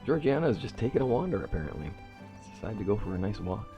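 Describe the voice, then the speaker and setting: Speaking over music, a congested man with a cold hosts a relaxed let's play, revising his plans out loud as he goes. His lowish voice swings widely in pitch at a quick pace, and the recording is muffled.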